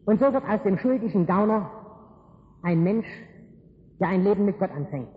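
A man's voice: high-pitched, animated, moderate pace, slight background noise. A man preaching a sermon, retelling a Bible story in a folksy, colloquial way. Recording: echoey hall over a tinny line.

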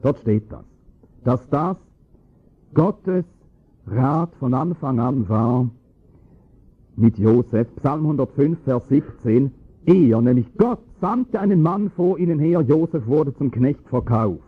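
A man preaching a sermon, explaining scripture with emphatic, rising stress on key points and a husky voice. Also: mid-range voice, lively intonation, takes it slowly. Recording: tinny phone-like lo-fi recording.

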